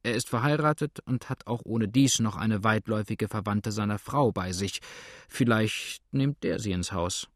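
A man voicing a shrewd innkeeper who speaks calmly, dryly and unhurriedly. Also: lowish voice, no room sound, lightly acted. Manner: calm, dry, unhurried. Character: calm shrewd older male innkeeper.

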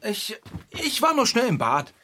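A man's voice: sits high, wildly swooping pitch, a little slow, pushed and bright, exaggerated voice. An actor playing a timid, anxious young boy in a children's audio play, whining nervously.

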